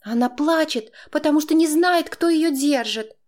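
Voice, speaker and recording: A man voicing a shrill, nervous young wife. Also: moderate pace. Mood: shouting. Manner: pleading, then shrill and shouting. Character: young mother, nervous, quarrelsome, tearful wife.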